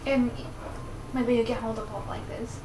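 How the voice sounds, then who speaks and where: A woman's voice: fairly high pitch, steady tone, moderate pace, distant mic. A woman hosting a friendly chat over a meal and teaching her guests phrases. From Japan. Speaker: host. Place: restaurant. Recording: echoey room with noise.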